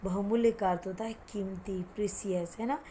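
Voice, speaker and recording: A woman's voice: mid-range voice, steady tone, moderate pace, warm tone. Woman, hindi teacher, children's lesson, quizzing questions, english words mixed in, faint background hiss. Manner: mixes English words into Hindi, asks and answers her own questions; calls pupils "beta", has them repeat words after her. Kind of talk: explaining vocabulary to children.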